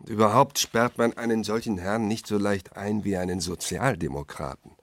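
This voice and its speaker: A man's voice: fairly low pitch, steady tone, moderate pace, no echo, close to an everyday voice. A man voicing an amused, condescending middle-aged male newspaper editor who talks with smug, mocking ease, in an audiobook.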